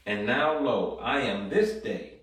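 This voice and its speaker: A man delivers a sermon in a church hall, his fairly low, fairly bright voice animated but unhurried. He reads scripture and builds to passionate exhortation with many amens and call-and-response, all picked up distantly in a very echoey room.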